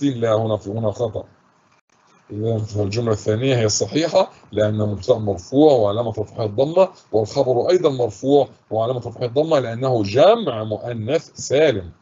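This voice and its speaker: A man teaching a grammar lesson to schoolchildren with an Egyptian accent, patiently reading example sentences slowly and repeating them. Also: mid-range voice, mellow. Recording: husky voice, dull lo-fi recording.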